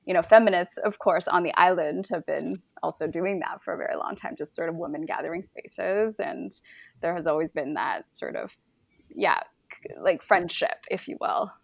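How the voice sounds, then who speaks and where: A woman's voice: on the low side, normal speed, vocal fry, dry recording. A woman born in Taiwan hosting a casual conversation, talking loosely with many fillers and affirmations. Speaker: host.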